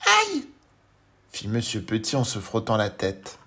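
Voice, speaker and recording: A male storyteller narrating a children's audiobook, slow, gentle and expressive as he addresses a young listener. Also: fairly low pitch, background noise.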